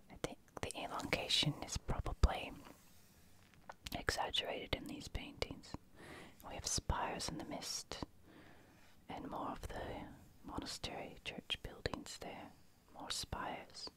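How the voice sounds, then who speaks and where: An ASMR host in a croaky, soft unvoiced whisper, musing over paintings while paging through a book and reading passages aloud.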